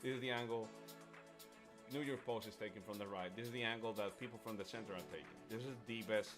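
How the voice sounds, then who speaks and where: With music playing beneath him, a man hosts a live stream, talking casually and giving strong opinions in an emphatic, often repetitive way. His voice is on the low side and his pace is quick.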